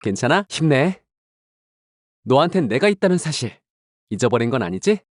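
A man voicing a suave, flattering young game racer. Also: medium pitch, moderate pace, dry recording, studio quality, lightly acted. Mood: reassuring.

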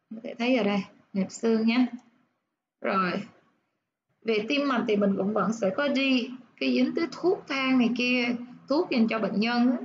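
A woman teaching nursing English, explaining step by step and repeating words slowly to show where the stress falls. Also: a little high, lo-fi sound, a little hiss or hum.

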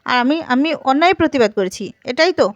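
A bold, sharp-tongued young woman, as a woman reads her lines talks back with scorn in a high, quick voice. She sounds close and dry, with no room around her. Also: lively intonation, no room sound, lo-fi sound. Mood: defiant. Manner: defiant, mocking.

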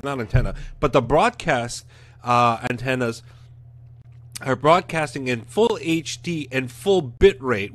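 A man's voice: medium pitch, a bit bright. A man in his forties ranting bluntly to camera as a show host, speaking into a studio mic in his living room. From Canada. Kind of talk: casual rant to camera. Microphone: studio mic in front of webcam.

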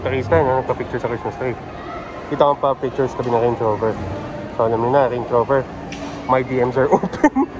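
A man's voice: medium pitch, steady tone, fast, muffled recording, noisy background. Filipino vlogger man talking through a face mask. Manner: mixes Tagalog and English, chatty, laughs often. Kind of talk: casual vlog chat. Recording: loud background music. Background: loud music.

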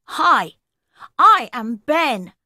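A woman voicing cheerful young schoolchildren in children's coursebook audio, speaking simply and slowly, as if reading to a toddler. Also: sits high, sing-song, sharp tone, no echo, clean studio sound, full character voice. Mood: cheerful, eager. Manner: slow, simple, clearly spaced delivery, as if reading to a toddler. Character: cheerful young schoolchildren showing off their toys.

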